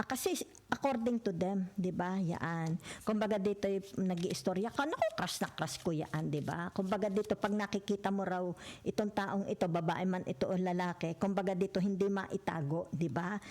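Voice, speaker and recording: A woman's voice: lowish voice, a little mellow. A woman with a Filipino accent giving a casual tarot reading, switching freely between Tagalog and English and checking in often with "okay?" and "di ba?". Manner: chatty, peppered with "okay?", "di ba?" and "yan". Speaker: tarot reader.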